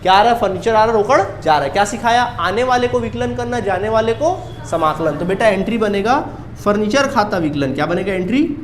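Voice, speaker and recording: Male commerce teacher, high voice, roomy classroom echo, quizzing his class. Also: lively intonation, a little fast, a little hiss or hum. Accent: Chhattisgarhi Hindi. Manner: drills students with repeated questions. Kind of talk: classroom lecture.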